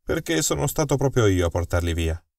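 A man voicing a calm, amused detective in an audiobook mystery, unruffled and dryly chuckling. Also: on the low side, a little fast, gravelly, no room sound. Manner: unflappable, dry chuckle. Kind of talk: audiobook dialogue.

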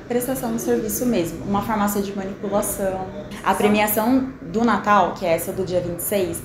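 A woman in her thirties, a municipal official, calmly explaining how a prize program works in an interview. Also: mid-range voice, roomy sound, noisy background. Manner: clear and explanatory.

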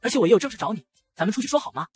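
A man's voice: high-pitched, lively intonation, very fast. A man voicing a smug, scheming young rival with a disdainful manner.

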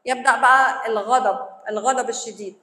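A woman's voice: a little high, fairly even intonation, brisk, sharp tone. A woman with an Egyptian accent giving a conversational lecture to church servants, acting out the reactions of the people she describes. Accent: Egyptian Arabic. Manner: conversational, acts out quoted reactions. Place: church hall. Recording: echoey hall.

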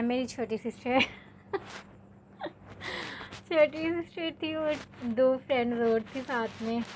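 A woman's voice: fairly high pitch, a little hiss or hum. Chatty young woman telling a story. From Pakistan. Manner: chatty, animated, peppers speech with filler words. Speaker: vlogger. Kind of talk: casual storytelling vlog.

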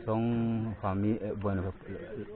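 A man in his forties with a low voice speaks haltingly outdoors, repeating words and pressing his points with force. A phone held close to his face picks him up. The sound is thin and tinny, like a phone line. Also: level tone, a crowd in the background. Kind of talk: outdoor field interview. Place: outdoors by a forest clearing. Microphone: phone held near the face.

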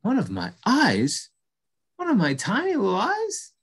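A man voicing a small, timid but earnest male mouse, raising his voice higher and making it shaky. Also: huge pitch swings, unhurried, slightly rough, full character voice. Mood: shocked.

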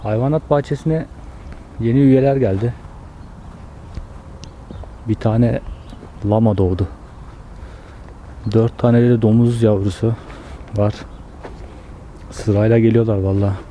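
Male vlogger, casual walk-and-talk outdoors at a zoo, warm dark tone, calming animals. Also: lowish voice, unhurried, long pauses, a little hiss or hum. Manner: chatty, coaxing and soothing animals. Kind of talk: casual narration while filming animals.

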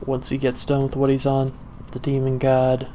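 A man's voice: mid-range voice, monotone, moderate pace, dark tone, a little hiss or hum. A young man giving casual gameplay commentary in a sarcastic, profane, muttering way, close to a desk mic. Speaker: let's play gamer. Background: faint game music.

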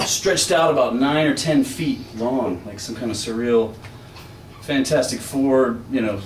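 Man, deadpan rambling monologue, wry asides, live room recording, distant mic, echoey. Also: mid-range voice, unhurried, a little hiss or hum. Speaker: experimental music performer. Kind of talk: rambling spoken monologue between improvised music. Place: small apartment used as a live music venue.

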